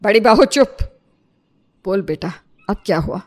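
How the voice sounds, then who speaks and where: A stern, bossy middle-aged mother-in-law, played by a woman in a mid-pitched voice. She scolds and orders people about in a home-made storybook. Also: animated, measured pace. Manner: commanding, scolding.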